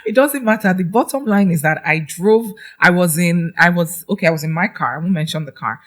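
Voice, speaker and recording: A woman's voice: on the low side, brisk. A young woman with a Yoruba Nigerian accent, chatting casually on a podcast and telling stories with animation. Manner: animated storyteller, laughs often. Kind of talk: casual chat.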